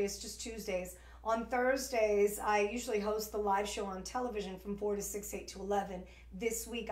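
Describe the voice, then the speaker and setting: A New York woman in her forties with an East Coast American accent hosts a live shopping stream, rambling chattily with plenty of fillers. Her voice is fairly high, and the recording is reverberant.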